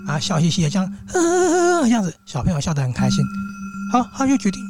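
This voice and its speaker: A man hosting his own show tells a ghost story in a loose, chatty, animated way, with frequent asides to his listeners. His accent is Taiwanese Mandarin, and background music plays under his voice. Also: a little high, very fast. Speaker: host and storyteller. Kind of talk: casual ghost-story telling.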